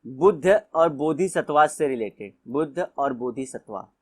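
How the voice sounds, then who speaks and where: A young man with an Indian accent giving an exam-prep lecture, explaining in Hindi mixed with English and reading textbook lines slowly. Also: fairly high pitch, expressive, husky. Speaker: teacher.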